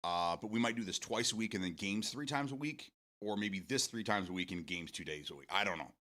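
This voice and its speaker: Answering viewer comments on his casual morning stream, a man in his 40s rambles, repeats words and swears offhandedly. He speaks fairly quickly in a lowish voice with a sharp tone.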